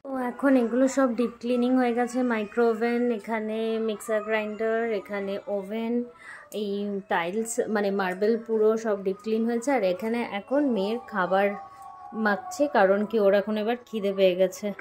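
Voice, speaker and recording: A woman's voice: medium pitch, steady tone, a little fast, darkish tone, a little hiss or hum. A woman vlogger narrating casually while she organises and cooks in her home kitchen. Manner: chatty, talks to viewers while doing kitchen chores, coaxing baby talk to a child.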